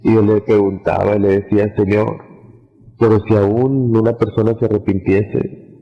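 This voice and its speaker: A man preaching a testimony of a vision, speaking in a slow, halting, heartfelt way, on a dull lo-fi recording with long reverb. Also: on the low side, little pitch movement, gravelly. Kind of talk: testimony sermon.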